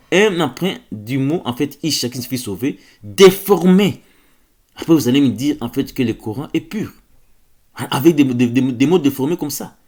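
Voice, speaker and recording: A man's voice: a little high, a little mellow. Hesitant man lecturing, many repeated words. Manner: hesitant, repeats words, often asks "vous voyez?"; insistent, stresses key words. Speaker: religious lecturer. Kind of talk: informal spoken lecture on word origins.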